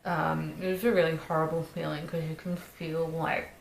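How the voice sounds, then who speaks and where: A woman's voice: sits low, flat delivery, normal speed, gravelly. A woman vlogger telling a personal story in a casual, conversational way. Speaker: vlogger recovering from jaw surgery. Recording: roomy echo, faint background noise.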